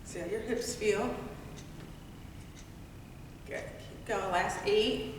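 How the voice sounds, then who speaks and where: A woman's voice: medium pitch, slow pace. A woman leading a workout class, counting down and giving cues in an encouraging, playful way. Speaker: group fitness instructor. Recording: echoey hall, distant mic, faint noise.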